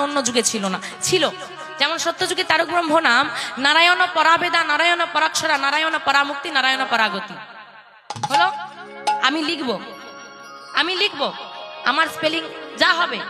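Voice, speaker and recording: A woman giving a playful devotional sermon to a seated audience, teasing listeners and calling them to chant along. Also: sits high. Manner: playful, teasing the audience, calls for call-and-response. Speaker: kirtan preacher. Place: religious gathering before a seated audience. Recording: loud live music behind the voice. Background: devotional music.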